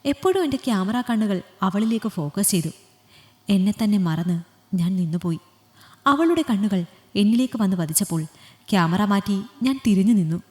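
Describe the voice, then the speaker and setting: A woman storyteller reading an emotional story in a soft, measured way. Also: mid-range voice, expressive. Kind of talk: scripted audiobook narration. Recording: long hall reverb.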